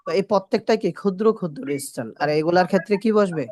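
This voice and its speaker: A woman teaching a spoken English class, repeating short English phrases slowly and quizzing her students. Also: on the low side, expressive, darkish tone, no room sound, studio quality. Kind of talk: classroom lesson.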